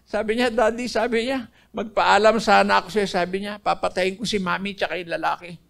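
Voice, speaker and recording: Older man, earnest testimony speaker; raised pitch, rough gravelly edge. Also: steady tone, a little fast, a bit bright. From Philippines. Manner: earnest storytelling, addressing listeners as brethren. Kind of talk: personal faith testimony.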